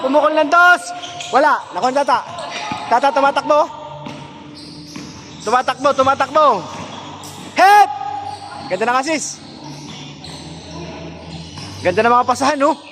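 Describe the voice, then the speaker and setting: A man filming a basketball game on a handheld camera and calling the plays in a casual way, often shouting with excitement. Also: very high voice. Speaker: cameraman doing play-by-play. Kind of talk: casual play-by-play commentary. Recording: music playing under voice.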